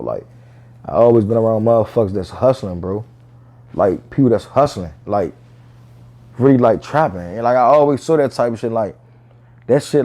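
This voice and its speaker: Mellow and somewhat low-voiced, this interview guest opens up about his life. He talks in loose, profane street slang, sprinkling in "bro" and "you know what I'm saying" throughout.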